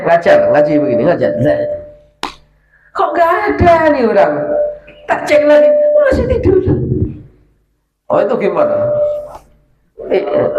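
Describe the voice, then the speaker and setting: A man teaching a kitab study lesson at a boarding school, explaining an Arabic text line by line with lively asides. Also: mid-range voice. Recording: echoey room, dull lo-fi sound, faint room hum.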